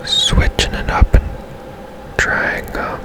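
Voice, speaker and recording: In a breathy whisper, a male host streaming a video game gives laid-back ASMR commentary, musing quietly and taking his time.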